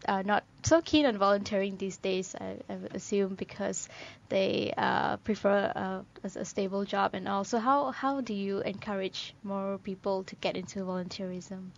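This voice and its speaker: A woman's voice: medium pitch, steady tone, moderate pace, gravelly, few pauses. A woman co-hosting a radio talk show, asking questions in a thoughtful, slightly hesitant way. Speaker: radio co-host. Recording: slightly dull lo-fi studio audio.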